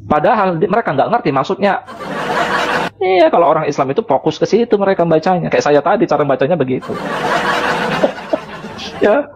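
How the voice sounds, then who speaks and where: A man with a fairly high voice talks in a loose, chatty way on a live stream. He keeps a mocking edge and chuckles between phrases. Steady background ambience hisses clearly under his voice. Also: fast talker, lo-fi sound. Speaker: live-stream religious debater. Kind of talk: casual live-stream talk.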